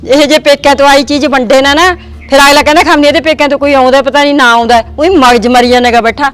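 A woman's voice: high voice, steady tone, soft background music, close to an everyday voice. A woman playing a caring married daughter with a Punjabi accent, talking with her old mother. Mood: earnest. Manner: quick, pleading. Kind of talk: village drama acting.

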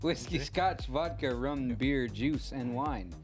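A man co-hosting a casual show from a video call, laughing a lot and firing off quick quips. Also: mid-range voice, animated, over music. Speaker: show co-host. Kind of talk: casual remote co-host banter.

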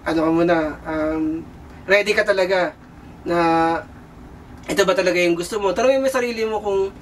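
Young man with a high voice, hesitant. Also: fairly quick. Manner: hesitant, many fillers and restarts, searching for words. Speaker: cruise ship kitchen crew member. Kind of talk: casual interview answers. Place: aboard a cruise ship. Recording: distant mic with faint background noise.

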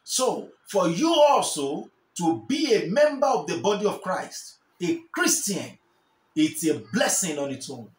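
A man's voice: sits high, very animated, measured pace, echoey room. A young man with a Nigerian English accent preaching a sermon to camera, fervent and repeating key phrases for emphasis. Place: small indoor room, seated in armchair.

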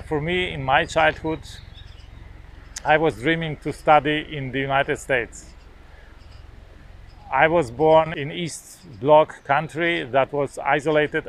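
A man's voice: fairly high pitch, vocal fry, fairly bright tone, a little hiss or hum. A man in his forties from Poland, a native Polish speaker, talking casually to the camera outdoors on a beach lawn, hesitant with many filler sounds and restarts. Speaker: vlogger.

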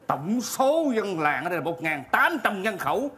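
A man's voice: high voice, very animated, normal speed, pushed and bright, exaggerated voice. A man with a Southern Vietnamese accent playing a greedy old village elder in a stage comedy sketch, announcing in a showy tone.

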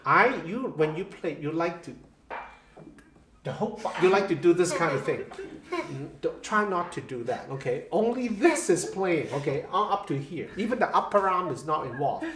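A man's voice: a little high, sing-song, normal speed, crowd noise. A man teaching a one-on-one piano lesson, patient, checking in with "okay?" and counting beats aloud. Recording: roomy echo with faint piano.

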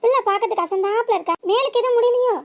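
A woman's voice: very high-pitched, rapid-fire, voice pushed up. A woman voicing a bossy, nosy elderly mother-in-law in a cartoon, with a scolding, teasing manner. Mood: gossipy. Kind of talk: animated cartoon voice acting.

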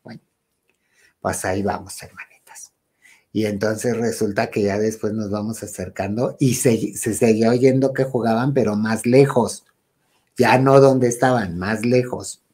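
A man's voice: on the low side, moderate pace, husky. Man with a Mexican accent telling a spooky story. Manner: animated, drops to a whisper at the spooky parts. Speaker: guest storyteller. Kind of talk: casual ghost story telling.

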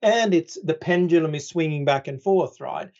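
A man with a somewhat high, slightly mellow voice talks at a normal speed, and the recording sounds muffled. He's an expert guest on a podcast, explaining things in a conversational way, full of dry, sarcastic humor and frequent "right?" tags.

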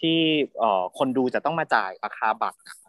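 A man's voice: lowish voice, expressive, brisk, a bit bright, no room sound, clean studio sound. A man on a theatre panel, talking casually over a video call and thinking aloud with many fillers.

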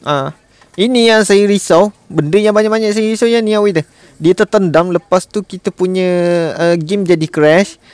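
A man's voice: sits high, moderate pace, a little mellow, smooth, dry recording. A man with a Malaysian Malay accent giving casual, exasperated commentary while streaming a management game and talking to his viewers.

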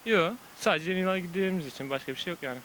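A man's voice: sits high, racing, a bit bright, low-quality recording. A man giving short, casual answers in a street interview. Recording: faint outdoor street noise.

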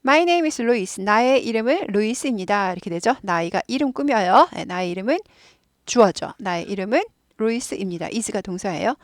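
A woman's voice: mid-range voice, expressive, moderate pace, dry recording, clean studio sound. A middle-aged woman teaching an English lesson, patiently repeating each word for students to copy. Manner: patient, repeats words for drilling.

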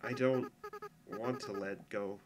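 A man's voice: mid-range voice, unhurried, noisy background, close to an everyday voice. A man voicing a tearful young goat monster boy. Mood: quiet farewell. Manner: soft, pleading and earnest. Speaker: fan voice actor. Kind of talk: fan dub of a game scene. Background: music.

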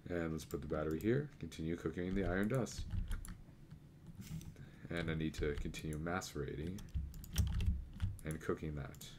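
A man's voice: extremely low pitch, moderate pace, pauses often, noisy background. A man giving casual gameplay commentary, rambling and correcting himself as he thinks aloud. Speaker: let's play gamer. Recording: keyboard clicks and typing audible. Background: computer keyboard clicking.

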